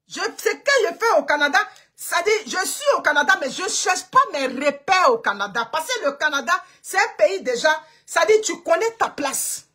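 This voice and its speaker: Speaking from her home in Canada, this Ivorian woman, an online commentator, lectures her audience in a repetitive political monologue, driving each point home emphatically. Her voice is extremely high-pitched, pushed, and bright.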